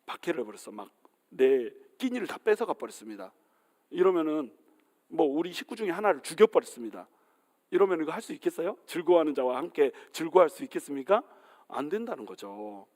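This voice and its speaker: A man's voice: on the high side, big pitch swings, fairly quick, a little mellow. A male pastor preaching a sermon, telling humorous stories, acting out the people in them and putting questions to the congregation. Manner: humorous storytelling, acting out quoted voices, asking the congregation questions. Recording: long hall reverb.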